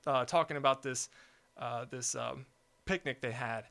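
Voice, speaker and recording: A man's voice: mid-range voice, normal speed, creaky, bright, forceful tone. A young man talking casually in a discussion, rambling with many fillers and restarts. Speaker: podcast guest.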